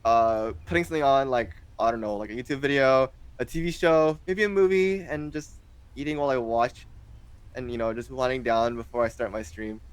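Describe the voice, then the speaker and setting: Talking a little fast in a smooth, medium-pitched voice, a young man in his twenties rambles casually as an interview guest. He sounds hesitant and packs in lots of fillers.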